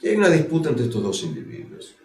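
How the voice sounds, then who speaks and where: Profesor de historia, muy expresivo. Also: male voice, mid-range voice, fast. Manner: animated storytelling, acting out dialogues. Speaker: history lecturer. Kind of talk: lecture to a group. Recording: roomy echo.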